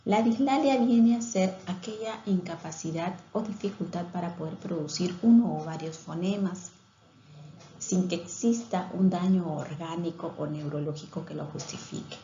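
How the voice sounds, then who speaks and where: A woman's voice: fairly low pitch, normal speed, mellow, reverberant, dull audio, a little hiss or hum. A woman giving a recorded lecture on speech therapy, explaining things step by step with some hesitations and restarts.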